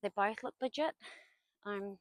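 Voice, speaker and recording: A woman's voice: medium pitch, measured pace, dry recording, rough recording. Chatty young woman vlogging outdoors. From New Zealand. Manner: chatty, often drops to a whisper. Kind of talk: casual walking vlog. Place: outdoors on a woodland walk.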